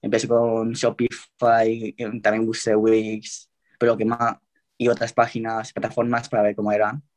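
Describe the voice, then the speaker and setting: Relaxed young Spaniard, flat low voice. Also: male voice, moderate pace. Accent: Spain Spanish. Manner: relaxed, rambling with fillers. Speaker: guest tiktoker. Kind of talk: casual interview talk.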